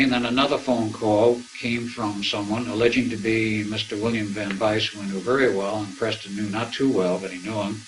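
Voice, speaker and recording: Low-voiced older man telling a story. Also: slight background noise, rough recording. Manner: rambling, conversational, acts out quoted dialogue. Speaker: speaker recounting personal experiences. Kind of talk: anecdotal storytelling.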